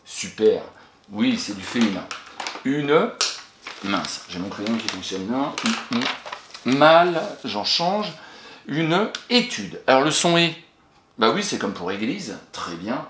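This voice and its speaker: A man teaching a young child, spelling words slowly letter by letter and warmly praising answers he pretends to hear. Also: medium pitch, big pitch swings. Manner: encouraging, talks to an absent pupil and pauses for answers. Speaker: primary school teacher. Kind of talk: recorded spelling lesson for a child. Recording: echoey room with faint noise.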